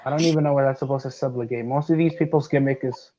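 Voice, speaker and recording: A man's voice: mid-range voice, fairly even intonation, racing, mellow, muffled recording, slight background noise. A man on a wrestling watch-along panel, ranting bluntly in casual chat and swearing freely.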